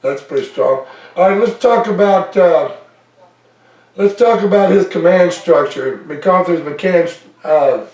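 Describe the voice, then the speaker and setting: A man's voice: fairly high pitch, a little mellow. A man interviewing a guest over a phone line that sounds like an echo chamber, asking long questions he restarts as he goes. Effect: echo chamber reverb on his line. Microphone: phone call. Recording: echoey, distant phone line.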